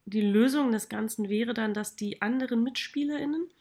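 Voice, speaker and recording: A woman's voice: fairly high pitch, normal speed, a little mellow. A young woman co-hosting a podcast in casual chat, laughing often as she talks. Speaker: podcast co-host.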